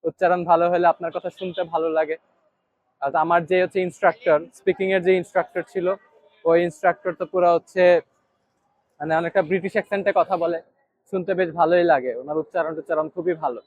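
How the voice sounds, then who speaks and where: A man's voice: a little high, fairly even intonation, brisk, no echo. Chatty young man vlogging on the street. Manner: chatty, many fillers, talks to the viewer. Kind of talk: casual walking vlog. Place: city streets and shops, outdoors. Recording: dry and slightly dull.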